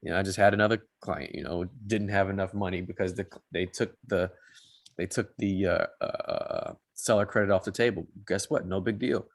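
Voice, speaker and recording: A man's voice: sits low, fairly even intonation, brisk, dry recording. A man who works as a mortgage loan officer, giving blunt, folksy advice with lots of restarts in a casual panel chat.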